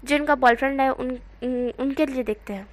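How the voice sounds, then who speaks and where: A flustered grown man who lectures in halting bursts, stopping and restarting. A woman reads him in a storybook telling, with her voice staying high and light. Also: close to an everyday voice. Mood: lecturing. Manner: halting, full of fillers. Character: adult man, stern guardian figure.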